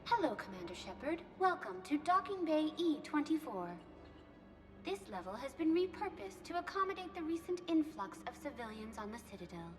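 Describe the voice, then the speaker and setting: Calm, lilting guide computer. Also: female voice, sits high, faint music behind. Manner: polite, measured information-desk delivery. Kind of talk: video game voice acting.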